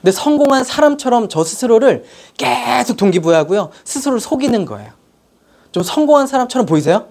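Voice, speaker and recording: A woman's voice: fairly high pitch, brisk. A woman lecturing at a sales seminar, telling stories and questioning the audience. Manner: animated storytelling, questions to the audience.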